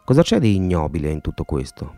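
A lazy, indifferent man tossing off mildly mocking replies, as the male narrator voices him. The tone is dark and mellow with lively turns of pitch. The sound is dry and close. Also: fast, no echo, soft background music. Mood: bored mockery. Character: languid, indifferent man, the mother's lover.

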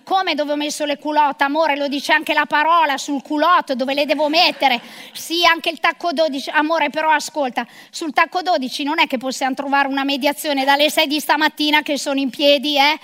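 A woman's voice: high-pitched, steady tone, a little fast, a bit bright. A middle-aged woman performing a comic monologue of phone calls as a bossy, sarcastic career mother.

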